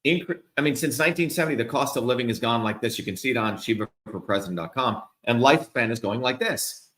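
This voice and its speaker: A middle-aged man, running for office, unleashes an angry, profane rant on a livestream to his supporters, heated and emphatic. His voice is mid-range and fairly bright, he talks fast, and the room echoes.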